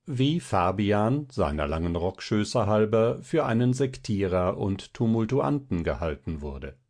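A man reading a classic tale aloud in a slow, measured, solemn manner. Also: lowish voice, sing-song, darkish tone. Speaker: audiobook reader. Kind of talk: scripted narration of a classic tale.

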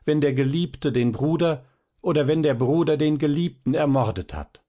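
A man reading aloud and voicing a gentle but anguished young woman in a storybook. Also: mid-range voice, unhurried, natural voice. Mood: anguished pleading. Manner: pleading, raised in distress.

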